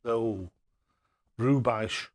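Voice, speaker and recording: A man's voice: medium pitch, very slow, background noise. A man chatting casually on a live stream as he plays darts, matey and self-deprecating.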